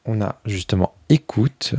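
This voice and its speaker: Low mellow-voiced man, casual deck review. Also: a little slow, slightly rough, no room sound. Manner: chatty, many fillers, thinks aloud while flipping cards.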